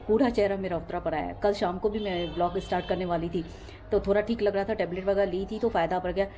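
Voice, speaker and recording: A young woman from India, Sindhi her first language, talks through her day at home in a loose, rambling vlog and circles back on the same phrases. Her voice sits at a middling pitch but comes out weak and subdued after illness. A faint hiss of room noise lies under her. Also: dark tone. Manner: rambling, repeats herself. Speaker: home vlogger. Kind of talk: casual chatty daily vlog. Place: home, indoors.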